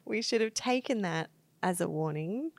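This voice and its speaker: Australian woman, podcast co-host, slightly low pitch, animated storytelling, dry close sound. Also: moderate pace, no room sound. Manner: animated, acts out her own quoted thoughts. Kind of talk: casual chat.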